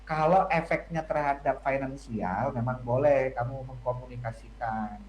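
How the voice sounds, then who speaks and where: A man's voice: medium pitch, moderate pace, darkish tone, reverberant, low-quality recording. A man speaking as a family psychology guest on a radio talk show, explaining points and acting out children's lines.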